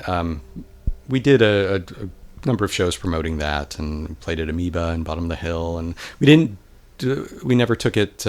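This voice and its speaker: A man, a musician guest in a casual interview, talking in a relaxed, rambling way with self-deprecating humor. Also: low voice, creaky. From California, United States.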